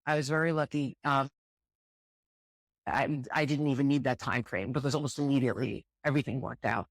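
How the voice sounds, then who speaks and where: A very deep, steady-toned voice belongs to a middle-aged American woman, a director of student housing, who talks briskly as a guest in a laid-back interview. She comes across as candid and thoughtful, repeating words mid-search. The recording is dry.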